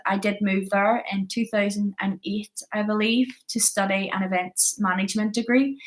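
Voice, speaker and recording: In poor audio, a woman in her early thirties with a Belfast Northern Irish accent, from Belfast, Northern Ireland, shares her addiction story as a vlogger. Her voice is medium-pitched and a bit bright. Her storytelling is confessional, candid and earnest, partly from notes, with points stressed through repetition.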